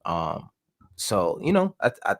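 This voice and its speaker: A man co-hosting a casual basketball talk show, relaxed and rambling, full of "you know.". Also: sits low, slow pace, dry recording, clean studio sound. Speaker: co-host.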